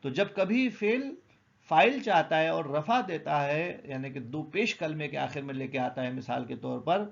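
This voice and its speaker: A man's voice: on the high side, animated, creaky, lo-fi sound. A man teaching a beginner grammar lesson, patiently explaining, asking questions and then answering them himself.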